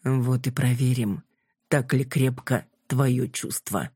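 A reader voicing a cold, mocking female vampire queen, speaking slowly and deliberately in a husky voice. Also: medium pitch, steady tone, dark tone, no room sound, clean studio sound. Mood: menacing. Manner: slow, deliberate, commanding. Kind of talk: audiobook character voice.

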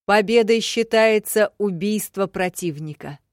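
A woman reading as an officious male court secretary in an audiobook. He announces rules in a formal, official tone, loud and measured, and the recording is dry. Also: mid-range voice, no echo, voice pushed up, close to an everyday voice. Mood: proclaiming. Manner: official, proclaiming.

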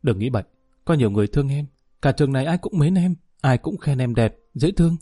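Audiobook: male narrator plays a kind young man, gentle and coaxing, dry close sound. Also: mid-range voice, lively intonation, quick pace, breathy edge, no room sound.

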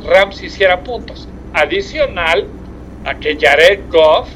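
Con un timbre algo brillante y una voz masculina que se sitúa alta, un comentarista mexicano habla de deportes mientras va en coche. Por el móvil, la llamada suena lo-fi, cortada y crujiente, con un ruido leve, y él se expresa despacio, con dudas y muchas muletillas.

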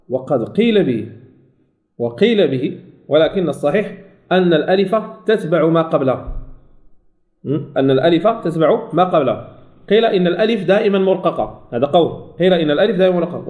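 Guy teaching tajweed, high voice, echoey room, says everything twice. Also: phone-quality sound. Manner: repeats each point twice, demonstrates recitation slowly. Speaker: Quran recitation teacher. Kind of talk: tajweed lesson.

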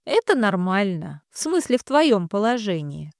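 A woman's voice: mid-range voice, very animated, normal speed, vocal fry, no room sound, clean studio sound. A woman voicing a male police detective who talks matter-of-factly and wryly, explaining a case. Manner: matter-of-fact, lecturing, wry. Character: gruff male police captain, sardonic, world-weary.

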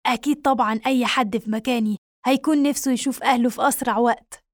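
A woman's voice: fairly high pitch, steady tone, fast, dry recording, clean studio sound, lightly acted. Sherif, an anxious businessman, as a woman reads him. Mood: eager. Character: anxious male businessman, pleading and indignant.

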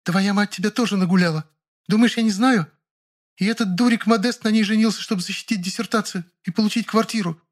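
A man reading an audiobook, voicing a scheming pregnant young woman with a shrill, hissing, indignant voice. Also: fast, close to an everyday voice. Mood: hissing spite.

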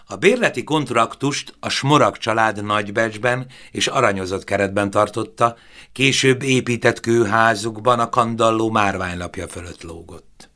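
A man narrating a novel in a measured, expressive audiobook reading. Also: on the low side.

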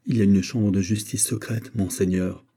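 Loyal confidant read by a man; dark, husky, grave and urgent. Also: lowish voice, fairly even intonation, moderate pace. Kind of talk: audiobook character reading.

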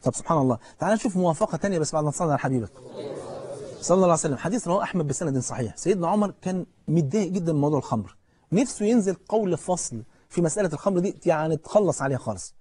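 A man with an Egyptian accent giving a colloquial religious lecture as a preacher, telling stories with animation, asking his listeners questions, and reciting scripture slowly and solemnly. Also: a little high, lively intonation, warm tone, breathy edge.

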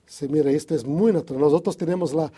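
Husky man with a tinged Spanish. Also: a little high, fast, mellow. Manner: hesitant, restarts often, thinks aloud. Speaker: Bible study co-host. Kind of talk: casual religious discussion.

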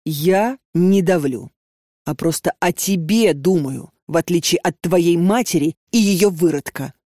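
A man's voice: a little high, unhurried, dark tone, no echo, studio quality. A woman reading an audiobook and voicing a controlling, hot-tempered young man who speaks insistently. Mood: domineering. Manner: insistent, domineering.

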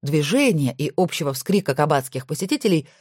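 A woman narrating an audiobook with expressive storytelling. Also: sits low, fairly quick, husky, dry recording, clean studio sound.

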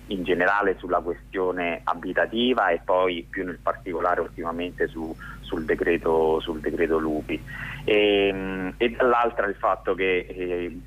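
A man who is an activist guest calling in by telephone, explaining his group's position in an earnest, halting way. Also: deep voice, a bit bright. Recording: dull lo-fi phone line.

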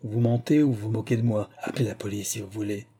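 A man's voice: fairly low pitch, fairly even intonation, fast talker, warm tone, breathy edge. A man voicing a desperate, accused male bank clerk who protests indignantly.

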